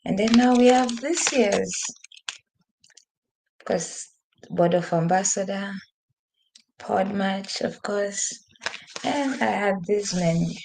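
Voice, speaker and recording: Speaking slowly with vocal fry and long pauses, this medium-pitched woman is a podcast host doing a relaxed live stream from her newly moved-into home, seated at a desk by a window. Her talk is chatty and rambling, full of laughs, and she says her voice is going. The computer microphone captures a noisy background.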